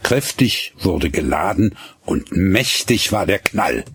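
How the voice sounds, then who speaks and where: A man narrating a radio story slowly and expressively, voicing the dialogue as he goes. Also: deep voice, lively intonation, a bit bright, slightly rough, no echo, clean studio sound.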